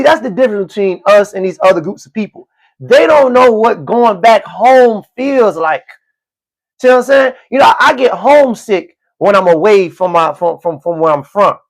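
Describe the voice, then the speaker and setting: A man's voice: high voice, lively intonation, normal speed. A man hosting a live stream, ranting in profane, mocking commentary with stammered repeats. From United States.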